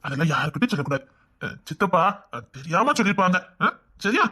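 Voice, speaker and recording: A woman's voice: lowish voice, sing-song, bright, forceful tone, heavily acted. A woman playing a doting grandfather who coaxes the children with endearments. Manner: quick, coaxing endearments. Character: doting grandfather, gentle and pleading.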